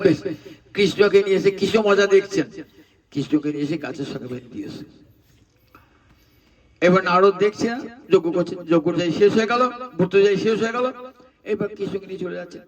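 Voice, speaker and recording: High-voiced male preacher telling a story. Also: recorded from a distance, lo-fi sound. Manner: animated, dramatic retelling with questions to listeners. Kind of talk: devotional storytelling sermon.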